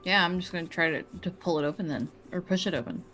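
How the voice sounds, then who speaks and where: A woman's voice: lowish voice, fast talker, fairly bright tone. A woman playing a tabletop game, asking the dungeon master questions and thinking her moves aloud. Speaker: player. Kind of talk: casual tabletop play.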